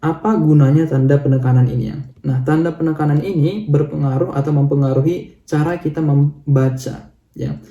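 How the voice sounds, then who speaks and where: A man giving a casual, chatty video lesson to viewers, speaking in a relaxed way. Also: a little high, normal speed, echoey room, dull audio. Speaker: language teacher.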